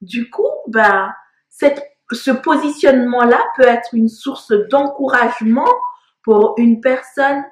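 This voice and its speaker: Her voice is fairly high and her pace slow: a Congo-born vlogger in her thirties reflecting hesitantly, with lots of fillers, in a casual personal video. The recording carries the echo of the room.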